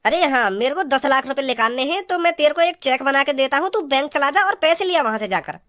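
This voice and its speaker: Woman voicing a cartoon father, high-pitched, bossy, impatient. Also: lively intonation, fast, fairly bright tone, no echo, clean studio sound. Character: gruff rustic cartoon father.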